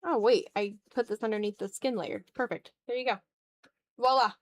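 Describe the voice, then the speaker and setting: Drawing live on stream, a woman talks in a fairly high voice at normal speed with fairly even intonation. The digital artist keeps her chat slangy and playful, addressing herself as much as her viewers.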